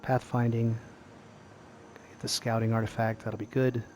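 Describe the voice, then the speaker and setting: A man calmly explaining a strategy game step by step as a tutorial host, drifting into rambling asides. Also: mid-range voice, normal speed, slight background noise. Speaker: gaming YouTuber, tutorial host. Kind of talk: casual gameplay tutorial commentary.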